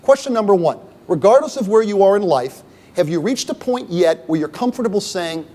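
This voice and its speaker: A man's voice: high-pitched, animated, fairly quick, warm tone, in a large hall. A middle-aged man lecturing on leadership at a university symposium, talking conversationally and often checking in with "okay?" and "right?". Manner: poses rhetorical questions to the audience. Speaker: guest speaker on leadership. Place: university event room.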